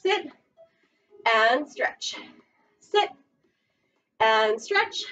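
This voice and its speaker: A woman in her thirties, an aerobics instructor leading a barre workout, cues the class with counts and short commands in a slightly high, sing-song, bright, forceful voice, drawing out her words. She's in a carpeted playroom at home, and the far camera microphone makes the sound muffled and distant.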